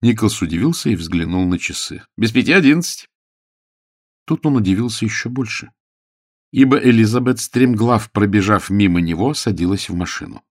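A man narrating an audiobook with expressive storytelling. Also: fairly low pitch, a little fast, slightly rough, dry recording, clean studio sound.

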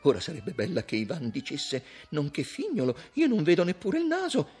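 A man doing a shrill, vain little official. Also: brisk, husky, full character voice. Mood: anxious. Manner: shrill, excited exclamations. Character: vain, fussy middle-aged male official obsessed with his nose. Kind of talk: dramatic reading of a classic story.

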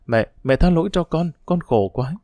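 A man's voice: fairly high pitch, expressive, moderate pace, warm tone, no echo, studio quality. A man voicing an earnest, grieving young woman who pleads with her parents in a read-aloud novel.

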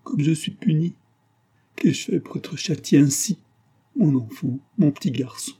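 A man's voice: a little high, expressive, a little slow, dark tone, husky, voice pushed up, exaggerated voice. A man voicing a distraught young mother in a read-aloud novel, pleading and anguished.

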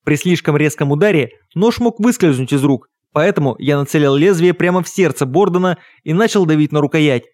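Male audiobook narrator, measured first-person delivery, slightly high voice, dead-dry studio sound. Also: expressive, darkish tone, dry recording.

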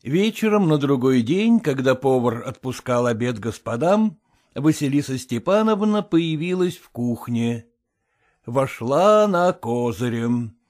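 A man reads a classic story aloud in an expressive, dramatic way. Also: mid-range voice, measured pace. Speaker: narrator. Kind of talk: literary audiobook reading.

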